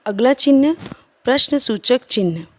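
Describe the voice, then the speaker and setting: A woman teacher giving a grammar lesson to children, explaining slowly and listing examples one by one. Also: a little high, animated, no echo. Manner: slow, careful explaining with listed examples.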